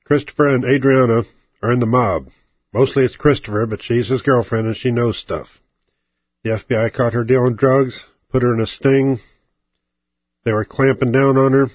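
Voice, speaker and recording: A man's voice: mid-range voice, breathy edge, no echo. A man hosting a talk show, giving dramatic storytelling commentary with emphatic, repetitive build-up. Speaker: talk host. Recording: dry, slightly dull close recording.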